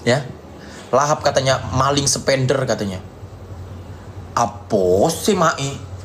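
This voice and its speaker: An Indonesian man ranting on a live stream, hurling insults and mocking taunts in a repetitive tirade. He keeps answering viewer comments and dropping "ya" between lines, at a mid-range pitch with a faint hiss of background noise. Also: expressive, takes it slowly, fairly bright tone. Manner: repetitive, peppered with "ya".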